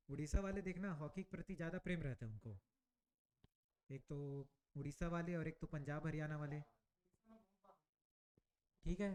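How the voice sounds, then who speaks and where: A man's voice: a little high, darkish tone. A male teacher running an exam-prep class, building memory tricks and checking with students often. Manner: asks frequent check questions to the class.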